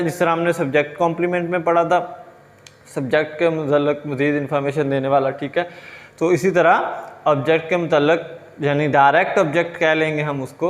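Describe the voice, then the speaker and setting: This man lectures on grammar in a fairly high voice, patiently walking through each point. He poses questions and answers them himself, slowing right down to read English example sentences. A long reverb trails behind his voice. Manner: reads English example sentences slowly and deliberately.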